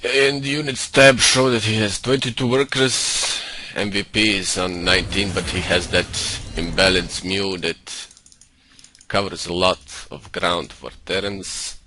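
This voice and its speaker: Guy doing a fake russian accent casting a game, really low sharp voice, cocky, faint noise. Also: fairly even intonation, rough recording. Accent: put-on Russian. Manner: cocky, condescending, deliberately exaggerated for comic effect. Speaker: StarCraft game caster and streamer. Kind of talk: live-style game commentary. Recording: home computer mic with faint noise.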